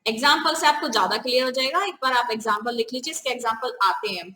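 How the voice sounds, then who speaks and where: A woman's voice: a little high, fast talker, sharp tone, echoey room, poor audio. A woman teaching a grammar lesson step by step, often asking the viewers questions. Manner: repeats "ठीक है", asks the viewers questions.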